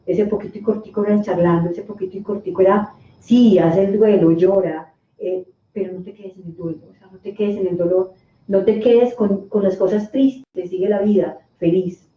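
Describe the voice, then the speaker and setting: A middle-aged woman giving an emotional personal account as a guest, halting with restarts and fillers. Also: medium pitch, steady tone. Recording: echoey, distant, phone-like sound.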